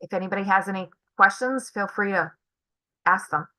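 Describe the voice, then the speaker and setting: An older woman giving halting testimony at a public meeting, with many fillers. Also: medium pitch, bright, forceful tone, rough recording. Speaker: former student testifying. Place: meeting room.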